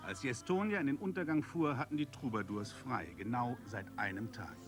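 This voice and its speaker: A man's voice: medium pitch, a little fast, over music. A man reading scripted television documentary narration in short, clipped phrases. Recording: faint background noise.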